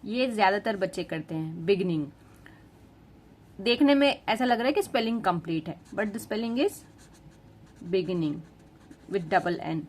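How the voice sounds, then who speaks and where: A woman explains spelling errors to parents in a calm, unhurried teaching voice. She mixes Hindi and English and lays out each point patiently. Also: mid-range voice, a little hiss or hum.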